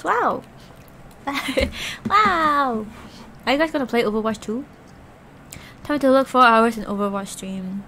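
A young woman talks to her stream viewers on a desk mic between bites of food. Her voice sits a bit high and she giggles often, wandering from thought to thought with plenty of "like". A faint steady hiss runs under her voice. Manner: rambling and giggly, heavy use of "like". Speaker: Twitch streamer. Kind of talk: casual chat with viewers while eating.

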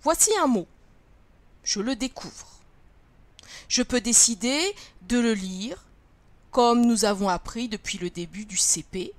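A woman, a first-grade teacher, gives a reading lesson to young children, sounding out letters and syllables slowly and clearly. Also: on the high side, no room sound.

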